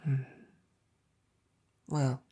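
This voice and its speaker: Soft, breathy and tender, a woman performs an intimate ASMR roleplay as a devoted, gentle female knight, pausing hesitantly. Her mood comes across as coaxing and bashful.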